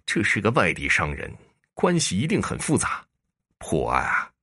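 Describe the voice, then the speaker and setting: A man's voice: deep voice, huge pitch swings, normal speed, slightly rough, voice pushed up, full character voice. A man voicing a guilty, blustering county magistrate. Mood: evasive. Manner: evasive, hesitant, then shouting defiance.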